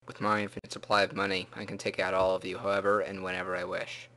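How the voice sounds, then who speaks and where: A man voicing a smug, wealthy male villain who talks coldly and calmly. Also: deep voice, fast, poor audio. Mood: menacing.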